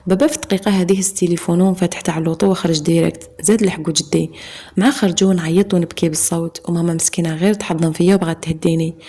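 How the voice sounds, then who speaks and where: A woman's voice: fairly low pitch, steady tone, very fast, mellow, slightly rough. A young woman with an Algerian accent narrating a dramatic first-person story. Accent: Algerian Arabic.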